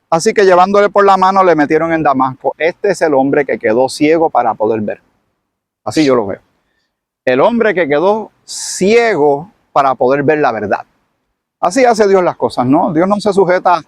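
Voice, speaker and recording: With a slightly high voice and no room sound, a man teaches from the Bible in sermon fashion. He's a dramatic storyteller, retelling the scene and acting it out.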